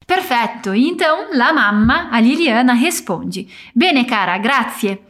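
A woman teaching a language, modelling short phrases slowly for listeners to repeat. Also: on the high side, expressive, fairly bright tone. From Brazil. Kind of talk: guided pronunciation drill.

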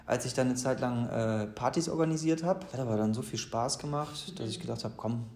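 In an echoey space, an interview guest from the Ruhr region, a man in his thirties, loosely narrates his own life, often restarting and using fillers. He talks fairly fast at a middle pitch with a darkish tone.

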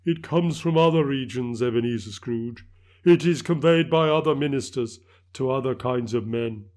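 A man's voice: mid-range voice, moderate pace, darkish tone, natural voice. Man doing a wailing, anguished ghost. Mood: solemn. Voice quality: wailing, declamatory. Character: anguished male ghost of a dead miser.

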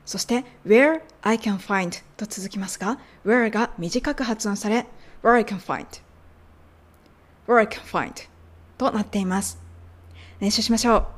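A woman whose native language is Japanese, hosting an English lesson podcast, explaining and slowly modeling English phrases. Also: medium pitch. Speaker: English teacher.

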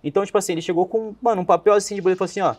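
A man's voice: high voice, steady tone, racing, darkish tone. A young man with a Brazilian accent, telling a personal story as a guest in casual, slangy speech, often quoting himself. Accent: Brazilian Portuguese. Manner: slangy, rambling, quotes himself a lot.

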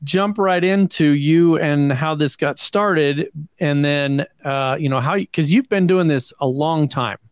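A man co-hosting a podcast in relaxed casual chat, drawing his words out with uhs. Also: fairly high pitch, a little slow, clear, resonant tone, dry recording, clean studio sound. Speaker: podcast co-host.

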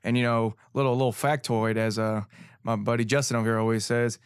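Excitable young male sports co-host. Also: medium pitch, brisk, clear, resonant tone, no echo, studio quality. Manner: excitable, rambling, emotional fan. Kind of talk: casual sports talk radio.

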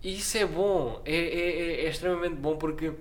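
A young man from Portugal hosting a casual podcast chat, talking loosely with lots of fillers and restarts. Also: on the high side. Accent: European Portuguese. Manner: quick, loose, full of "epá" and restarts. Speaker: podcast host.

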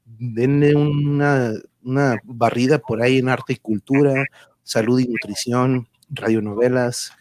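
A Mexican man hosts an online stream in a casual, rambling way. His voice sits at an ordinary male pitch. The sound is dry, with hardly any room on it. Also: a little mellow, no room sound. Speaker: host of an online channel livestream.

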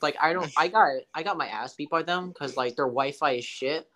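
A man's voice: on the high side, a little fast, pushed and bright. A man co-hosting a casual gaming chat, joking and crude, often laughing. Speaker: podcast co-host.

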